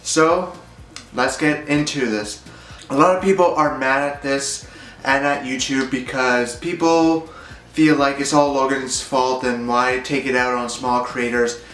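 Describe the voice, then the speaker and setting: A man's voice: mid-range voice, fairly even intonation, unhurried, fairly bright tone, roomy sound, a little hiss or hum, low-quality recording. A young man rambling through a casual vlog monologue, hesitant and full of fillers. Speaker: YouTuber.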